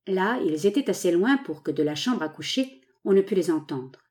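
A woman narrating a novel aloud with a measured, dramatic reading. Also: lowish voice, expressive, a little mellow. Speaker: audiobook narrator.

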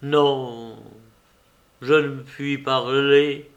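A man's voice: mid-range voice, steady tone, extremely slow, dull audio. A man voicing a desperate, tormented young male lover in an audiobook, with impassioned, pleading delivery. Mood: grave.

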